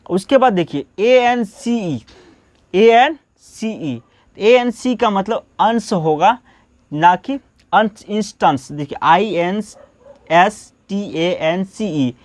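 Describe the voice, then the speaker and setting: High-voiced man drilling an English lesson. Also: no echo. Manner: repetitive question-and-answer drilling, asks then answers himself. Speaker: English teacher. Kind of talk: classroom-style spoken lesson.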